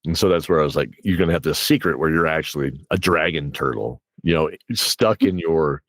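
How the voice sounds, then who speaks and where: This game master has an extremely low yet fairly bright voice and talks briskly, with no room sound. Chatting casually and animatedly, he rambles through campaign tales, acting out what his players said in quotes.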